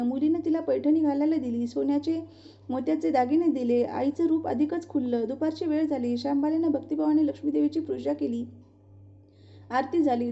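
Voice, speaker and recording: A woman storyteller narrating a devotional folk tale in a steady, rhythmic way. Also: sits high, vocal fry. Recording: dull lo-fi recording.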